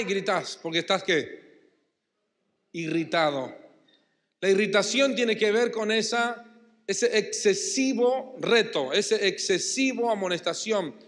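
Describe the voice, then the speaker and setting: Emphatic Argentine pastor, reverberant hall. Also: male voice, high-pitched, fairly bright tone. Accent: Rioplatense Spanish. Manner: emphatic, calls the congregation to repeat and answer. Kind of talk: sermon. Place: church hall. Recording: long church-hall reverb.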